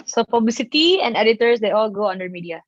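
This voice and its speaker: A woman's voice: on the high side, lively intonation, quick pace, highs cut off. Cheerful woman from Indonesia hosting. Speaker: student association officer. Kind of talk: casual presentation.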